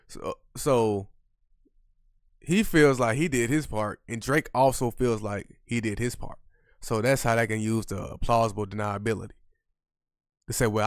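A man's voice: lowish voice, no echo, clean studio sound. A man hosting a reaction show, commenting casually in slang and addressing his viewers. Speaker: host.

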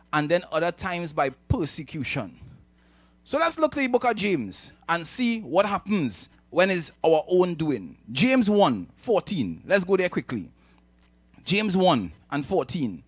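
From the stage of a church hall, a Trinidadian man preaches into a handheld microphone, repeating phrases and urging his listeners to agree in an animated call-and-response sermon. His voice is high and fairly bright, and the recording has no echo.

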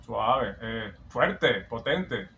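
A man acting as a vocal coach reacts to and analyzes a singer, explaining technique admiringly and often singing snippets back while a song plays in the background. His mid-range voice is gravelly, with lively intonation and drawn-out words.

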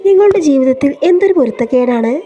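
A woman's voice: high voice, expressive, quick pace, mellow, highs cut off. A woman voicing a worried elderly grandmother who speaks in an anxious, pleading way.

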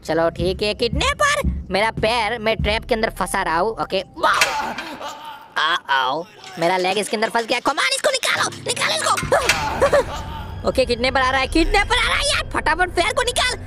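A mischievous cartoon boy, voiced by a woman, who plays scary games for laughs. He talks in a high voice that leaps all over its range. He giggles constantly and teases the monsters. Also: huge pitch swings, moderate pace, over loud music. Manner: giggles often, teasing, yelps and wails in mock fright. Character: cheeky giggly young boy playing horror games. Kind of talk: comic gameplay commentary in a cartoon voice.

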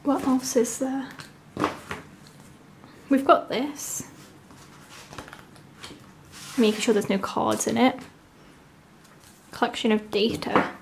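A woman with a fairly high voice talks through an unboxing in a casual, gushing way. Her throat sounds sore, as if speaking through swollen tonsils with tonsillitis, yet she stays enthusiastic. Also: fairly even intonation, slow pace, vocal fry, pauses often, noisy background. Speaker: unboxing video host. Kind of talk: casual excited unboxing commentary.

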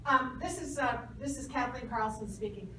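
A middle-aged woman asking halting, hedged academic questions as an examiner at a dissertation defense. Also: a little high. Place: small university classroom, indoors. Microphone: distant camera or phone across the room. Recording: echoey room, distant mic, noisy.

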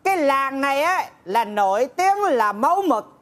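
A bossy village magistrate. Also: female voice, high voice, very animated, normal speed, a bit bright. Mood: stern. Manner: scolding, interrogating tone. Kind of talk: live stage comedy sketch.

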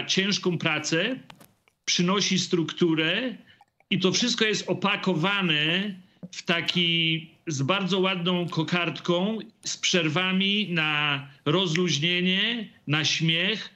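A man's voice: high voice, bright, forceful tone. A middle-aged man, father of a young boxer, speaking hesitantly with many fillers on a video call from a room at home. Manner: hesitant, many drawn-out fillers, mixes in English phrases. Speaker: boxer's father and team member. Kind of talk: remote interview over video call.

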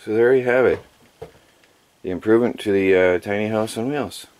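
A man's voice: fairly low pitch, normal speed, a little mellow. A middle-aged man in casual chat as a vlogger, laughing often, filmed by a camera across a small wooden cabin living room.

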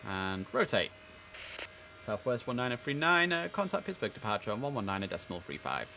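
Music plays behind a very animated streamer in his thirties who gives chatty live commentary while playing an air traffic controller, alternating offhand remarks with formal controller calls. He speaks from an indoor room at a moderate pace, his voice on the low side with vocal fry.

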